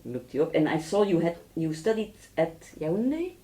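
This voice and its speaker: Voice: medium pitch, sing-song, normal speed, dark tone. Woman or man hosting a radio chat. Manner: casual, chatty questions. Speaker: radio co-host. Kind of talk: radio interview. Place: radio studio.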